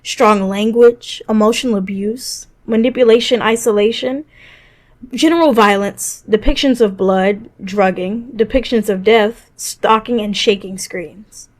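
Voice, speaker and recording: Unhurried and mid-range in pitch, a woman's voice narrates a scripted top-five video game list with a conversational style and casual asides, backed by music.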